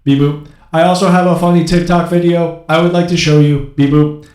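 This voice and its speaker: A stiff, deadpan male robot, as a man puts it on, speaks in a flat robot voice, sprinkling beeps between formal, literal sentences. The voice sits a little high and rings in a roomy, echoey space. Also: brisk, lightly acted. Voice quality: monotone robotic delivery with beeps. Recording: roomy echo.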